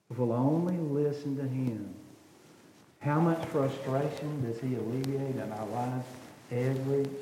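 A man's voice: medium pitch, mellow. A man preaching a sermon as pastor, earnest, repeating words and asking rhetorical questions. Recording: echoey hall with faint noise.

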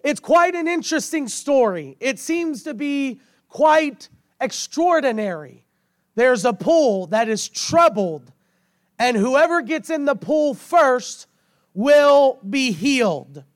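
A man preaching and praying to a congregation in a hoarse, failing voice, with drawn-out, emphatic phrasing and repetition. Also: very high-pitched, big pitch swings, dry recording, studio quality. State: hoarse, losing his voice while recovering from illness. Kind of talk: sermon and prayer to a congregation. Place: speaking to a congregation through a sound system with monitor.

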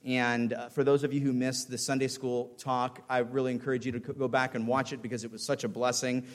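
Halting pastor, a man with mid-pitched voice. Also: flat delivery. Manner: halting, repeats words. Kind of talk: introducing a guest speaker in church.

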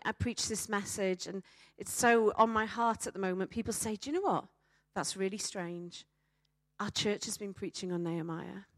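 Delivering a sermon in a Welsh accent, this woman speaks emphatically to the congregation, using rhetorical questions and dramatic pauses. Her pitch is fairly high, and the recording is dry.

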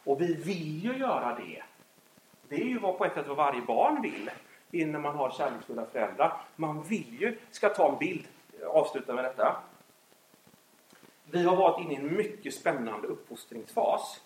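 Man, animated storyteller, lively pitch, roomy echo. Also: slight background noise. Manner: animated storytelling, acts out scenes. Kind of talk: faith talk with personal story. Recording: echoey room.

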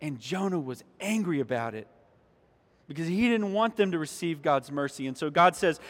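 A pastor preaching a sermon in a church, emphatic, repeating key lines and speaking directly to the congregation. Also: male voice, a little high, lively intonation, moderate pace. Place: church sanctuary. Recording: long hall reverb.

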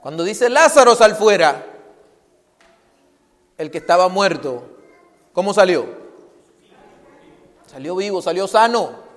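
A man with a very high voice preaches a sermon into a handheld microphone, pressing his listeners with rhetorical questions. He moves between loud, emphatic lines and hushed, quiet passages. A long reverb from the church hall trails every word. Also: expressive, unhurried, long pauses.

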